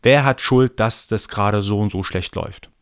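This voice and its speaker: A man's voice: on the low side, normal speed, no room sound, studio quality. A man born in Iran, hosting a solo podcast and explaining his ideas step by step in a thoughtful, reflective way. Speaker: podcast host.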